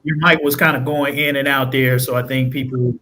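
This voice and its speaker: Male podcast co-host, casual livestream talk, medium pitch with little melodic movement. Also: fairly even intonation, fairly quick, sharp tone.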